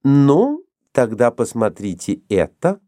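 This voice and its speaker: An eager, stubborn young woman who talks with excitement and insistence, as a male reader puts her on. The voice is raised well above his own and swings widely. It is a dry, close storybook reading. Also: mid-range voice, slow, dry recording.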